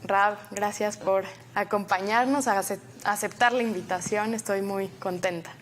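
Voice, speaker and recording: In a polite, formal manner, a female interview host introduces and questions her guest at a normal speed. Her mid-range voice has fairly even intonation, and a slight hiss or hum is audible.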